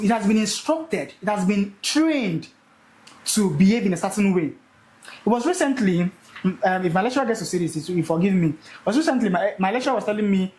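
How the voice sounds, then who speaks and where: Animated young man teaching in an echoey room. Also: high voice. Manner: animated, repeats key words for emphasis. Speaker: speaker teaching a live session. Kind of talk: energetic classroom teaching.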